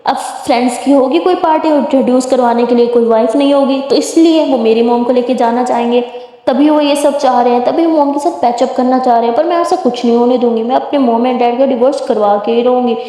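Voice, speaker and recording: A woman's voice: high voice, steady tone, fast talker, mellow, natural voice. A woman voicing an upset, protective young biker woman who talks bluntly, in an echoey room with long reverb. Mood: bitter.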